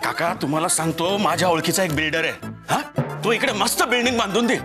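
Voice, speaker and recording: A man playing a smooth, flattering property dealer in a comic sketch. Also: high voice, fast, music in the background.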